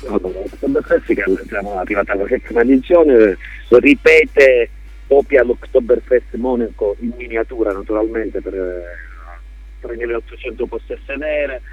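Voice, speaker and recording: A man calling in on speakerphone from outdoors, explaining his event in a steady way to radio hosts. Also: medium pitch, moderate pace, no room sound, faint music behind. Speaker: event organizer, phone-in guest. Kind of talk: radio phone interview. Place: outdoors at a work site. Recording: dull, husky phone line.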